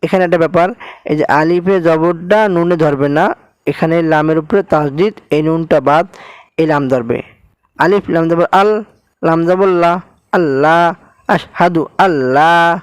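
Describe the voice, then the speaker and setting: A man's voice: on the high side, normal speed, smooth, no echo, poor audio. A man teaching recitation, spelling out each syllable and then blending it into the word, with a Bangladeshi Bengali accent. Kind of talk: slow spelled-out recitation lesson.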